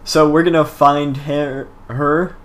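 A man's voice: fairly high pitch, level tone, takes it slowly. Young man casually narrating a game walkthrough. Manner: laid-back, swears casually, explains as he plays. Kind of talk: casual gameplay commentary.

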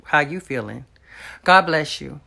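A woman's voice: sits low, expressive, unhurried, gravelly, pushed and bright. Woman, 30s; sincere to-camera testimony, close phone mic, small home room. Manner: earnest, talks straight to viewers, faith-filled. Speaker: vlogger.

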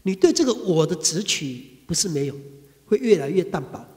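A man with a Taiwanese Mandarin accent giving a Buddhist sutra lecture, talking conversationally and acting out everyday quarrels. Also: moderate pace. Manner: animated, acts out quarrels with sudden high bursts. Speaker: Buddhist dharma teacher. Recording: reverberant hall.

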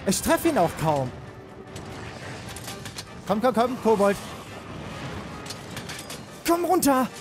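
A young man giving excitable live commentary on a game he is playing, rapidly repeating words and mixing in English slang. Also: high-pitched. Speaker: let's player. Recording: game music behind.

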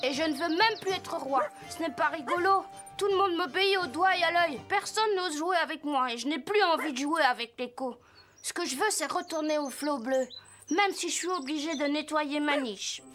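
A woman's voice: sits high, moderate pace, a bit bright, long reverb tail. A woman voicing a young male dog who has become king, childish, whiny and stubborn, with cartoon music behind. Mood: plaintive. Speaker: lead character. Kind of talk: French cartoon voice acting.

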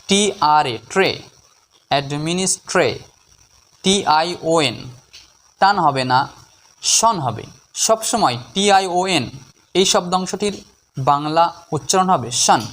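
Patient man teaching word by word. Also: on the high side. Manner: patient, spells words out letter by letter. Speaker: English pronunciation teacher. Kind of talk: slow syllable-by-syllable pronunciation lesson.

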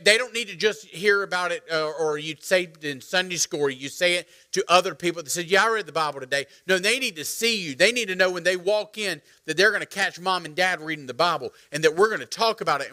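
Animated pastor, bright voice. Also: male voice, high-pitched. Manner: animated, jokey, calls on the congregation. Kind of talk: sermon with storytelling. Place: church sanctuary.

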